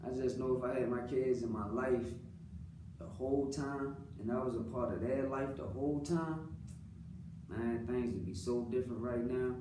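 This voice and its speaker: A man's voice: mid-range voice, normal speed. Earnest American man, roomy distant recording. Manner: earnest, repeats phrases for emphasis, colloquial. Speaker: father speaking about his own life. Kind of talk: unscripted personal monologue, casual talk. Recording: roomy, distant mic, clearly noisy background.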